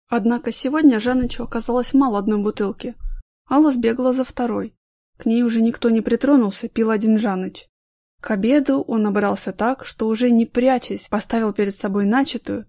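An audiobook narrator with a slightly high voice reads a scripted story in a lively storytelling style. The studio recording is clean, with no room sound.

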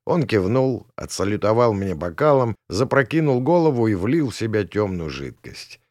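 A man reading a first-person audiobook in a gruff, colloquial way. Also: lowish voice, sing-song, moderate pace, a little mellow, no room sound, clean studio sound. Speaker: audiobook narrator.

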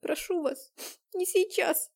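A woman's voice: extremely high pitch, slow, gravelly, pitched above the performer's own voice, full character voice. A woman reader voicing a frightened young woman who pleads and cries out in panic. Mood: pleading. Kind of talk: audiobook character reading.

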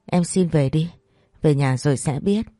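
A woman's voice: sits low, normal speed, mellow, no room sound, studio quality, faint music behind, lightly acted. A woman voicing a grown man, an elder brother-in-law who speaks steadily and reassuringly while holding back grief. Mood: calm.

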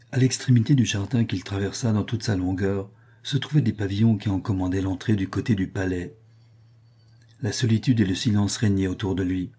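A man reading a literary novel aloud as narrator, in a measured, even manner. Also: on the low side, husky. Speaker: audiobook narrator.

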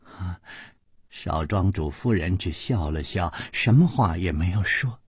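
A storyteller voicing a cheeky young male servant who teases and speaks in sly, low asides. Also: expressive, unhurried, slightly rough, no room sound, clean studio sound, heavily acted. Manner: teasing, sly, soft asides.

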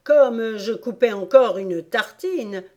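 A woman voicing a nervous, trembling man in a storybook, speaking loudly in a flustered, pleading way. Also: a little high, animated, slow, muffled recording.

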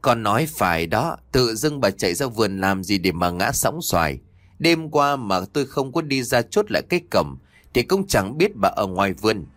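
A man voicing a gruff, stubborn old grandfather in a spoken ghost story, scolding briskly. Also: on the low side, sing-song, fairly bright tone, no echo. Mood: matter-of-fact.

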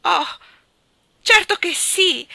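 A woman voicing a proud, sharp-tongued woman. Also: on the high side, expressive, fairly quick, no room sound, studio quality, voice pushed up. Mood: overjoyed. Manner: indignant, cutting.

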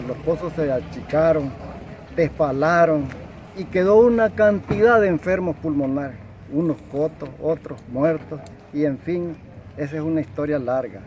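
A man's voice: a little high, a little mellow, a little hiss or hum, low-quality recording. An older man from Nicaragua, a local resident, giving earnest testimony outdoors. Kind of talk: interview testimony.

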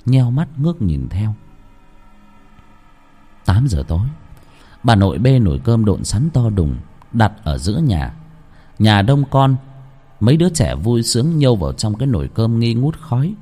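A man narrating a rural ghost story in an expressive storytelling voice. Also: normal speed, pauses often, breathy edge. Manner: expressive storytelling with a wide pitch range.

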